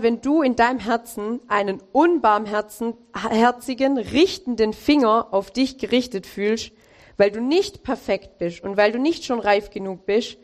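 A woman preaching a sermon in a relaxed, informal way, with slang and frequent fillers. Her voice sits somewhat high. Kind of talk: casual sermon.

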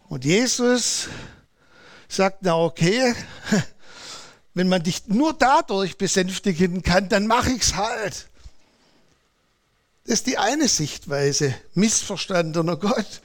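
A middle-aged male pastor preaching a sermon in a lively, conversational way, acting out short quotes. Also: high voice.

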